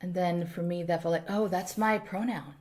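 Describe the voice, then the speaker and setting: Speaking at a moderate pace in a lowish voice, this South Korean woman in her thirties, a native Korean speaker, reflects animatedly as a guest in a casual podcast chat, dropping Korean words here and there.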